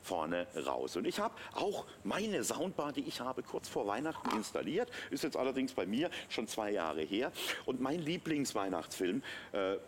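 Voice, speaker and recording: A middle-aged man with a mid-range voice and wildly swooping pitch gives a live sales demonstration in a TV studio, presenting products for a shopping channel. He talks at a normal speed in a conversational, explanatory way. There is a little hiss or hum on the recording.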